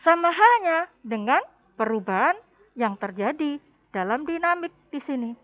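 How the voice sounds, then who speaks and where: A woman music teacher giving a recorded lesson, patiently explaining to her pupils and addressing them warmly as a class. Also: high-pitched, very animated, normal speed, phone-quality sound.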